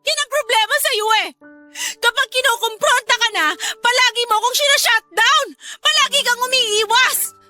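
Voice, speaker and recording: An actress playing a jealous pregnant wife in a radio drama, confronting and accusing, then shouting hysterically. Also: female voice, very high voice, expressive, normal speed, soft background music, exaggerated voice.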